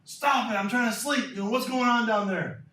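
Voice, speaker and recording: A man's voice: very high voice, moderate pace, pushed and bright, voice pushed up. A man putting on the voice of an annoyed man woken from sleep at night, in a roomy hall heard from a distance. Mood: irritated. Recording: roomy lecture hall from afar.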